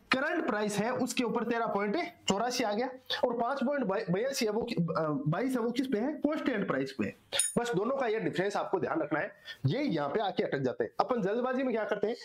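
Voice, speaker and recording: A hoarse man teaching an exam-solution lecture, repeating answers and asking and answering his own questions. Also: sits high. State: hoarse, strained throat. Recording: echoey room.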